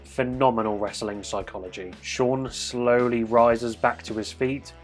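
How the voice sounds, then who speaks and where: A man's voice: medium pitch, steady tone, measured pace, soft background music. A man reading a scripted voice-over review of a wrestling match, analytical and enthusiastic.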